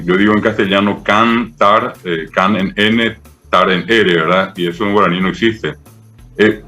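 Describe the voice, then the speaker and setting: Profesor paraguayo de voz grave y brillante. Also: male voice, lowish voice, pushed and bright. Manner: patient, didactic, many fillers "eh" and "¿verdad?". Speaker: Guaraní language professor, guest. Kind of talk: explanatory interview talk.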